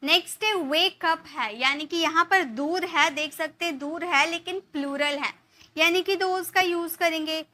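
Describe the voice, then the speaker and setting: Woman teacher explaining english grammar in hindi, high bright voice, asks herself questions then answers. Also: a little slow. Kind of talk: spoken English lesson in Hindi.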